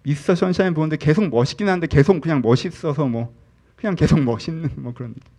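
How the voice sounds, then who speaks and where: A man in his thirties, a pastor, preaching a candid, conversational sermon. He shares personal stories, drops into soft murmurs and rises again to animated emphasis. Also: fairly high pitch, fast talker.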